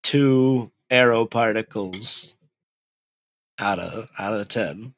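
A man's voice: lowish voice, slow pace, a bit bright, dry recording. A man co-hosting a casual anime podcast, blunt and swearing freely as he rants about a show. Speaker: podcast co-host reviewing anime. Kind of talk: casual profane banter.

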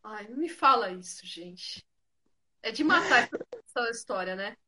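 A woman hosting a casual video-call chat, an expressive storyteller who laughs easily. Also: on the high side, a little slow, husky. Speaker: host.

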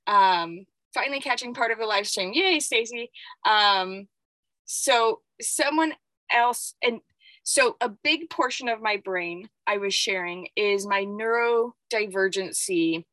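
A woman talking live on a stream, rambling and reflective, thinking out loud with lots of filler words. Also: mid-range voice, slow, dry recording, rough recording. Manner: reflective, self-examining. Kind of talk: unscripted live-stream talk.

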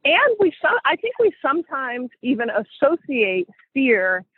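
A woman co-hosting a group call, telling stories in an animated way with laughter. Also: high-pitched, measured pace, dry recording. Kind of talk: casual inspirational talk. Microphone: phone. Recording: phone line audio.

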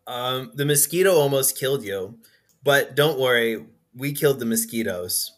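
A man's voice: medium pitch, lively intonation, normal speed, a bit bright. A man chatting casually as a player in a tabletop game, with a dry, sarcastic manner.

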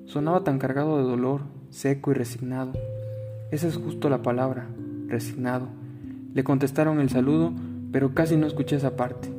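A man's voice: mid-range voice, steady tone, a little fast. An older man with a Mexican accent telling a story to the listener in a chatty, folksy way with earthy asides. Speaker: storyteller, key cutter. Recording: guitar music playing behind.

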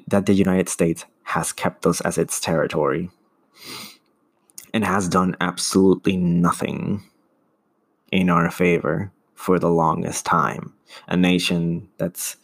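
Low-pitched man, creaky voice, earnest solo podcast talk, frequent restarts. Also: little pitch movement, unhurried. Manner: earnest, searching for words with restarts. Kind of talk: casual opinion monologue.

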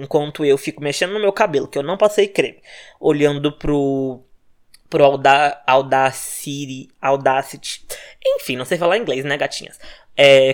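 A young Brazilian man with a Brazilian Portuguese accent, hosting a casual solo podcast from home, talking fast and animated with profanity, his home microphone sometimes clipping. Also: fairly high pitch. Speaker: podcast host.

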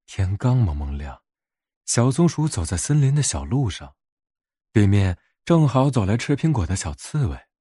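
A man narrating a scripted bedtime story in a gentle, expressive storytelling manner. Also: medium pitch, normal speed, breathy edge, no room sound, studio quality.

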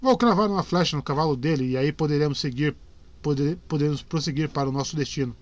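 A man voicing a blunt, sharp-tongued young female archer who mocks her companions, in a dry close recording. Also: fairly high pitch, quick pace, no echo, highs cut off, lightly acted. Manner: blunt, mocking.

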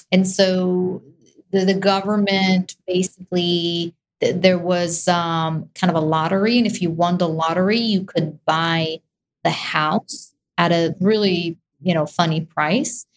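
A young woman speaks as a guest on an interview show. Her voice sits fairly low, and she talks casually, with many fillers and self-corrections. She joins over a video call. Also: fairly even intonation, unhurried. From Israel. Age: young adult. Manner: many fillers and restarts, varied pace. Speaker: real estate investor and guest.

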